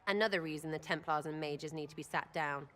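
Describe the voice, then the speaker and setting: Here the flippant, sarcastic young archer from a video game is voiced low-pitched and fairly quick, with a slightly bright tone and a little background noise. The actress plays this companion character as blunt, crude and irreverent.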